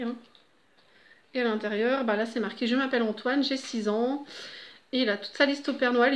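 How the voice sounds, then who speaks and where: A middle-aged woman at home, chatting casually and rambling with laughs and fillers. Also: a little high. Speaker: vlogger.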